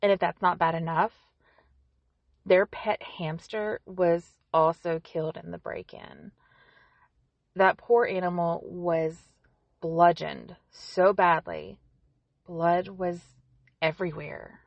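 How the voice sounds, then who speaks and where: A woman's voice: fairly low pitch, fairly even intonation, takes it slowly, gravelly, pauses often, no echo, highs cut off. A woman hosting a true-crime podcast, narrating a scripted story with conversational asides to the listener.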